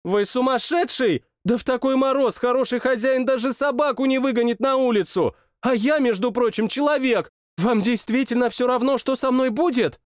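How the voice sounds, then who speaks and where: A man's voice: very high-pitched, no echo, clean studio sound, voice pushed up. A man voicing a stubborn young woman who pleads and scolds in an audiobook. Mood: indignant. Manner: pleading, scolding, quick protests. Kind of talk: audiobook narration.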